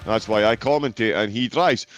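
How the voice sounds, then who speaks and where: A man's voice: fairly low pitch, moderate pace, faint music behind. A man, commentating on a sim racing event in an enthusiastic, upbeat way. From Britain. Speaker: race commentator.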